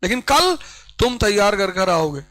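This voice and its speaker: High, bright-voiced male teacher. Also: normal speed, low-quality recording. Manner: animated, urging students, mixes English phrases. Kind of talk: classroom history lecture.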